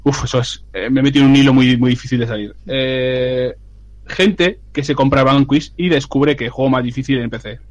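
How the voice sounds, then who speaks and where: A man moderating a casual podcast chat among friends, teasing the others with deadpan jokes. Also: medium pitch, a little fast. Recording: slightly dull lo-fi audio.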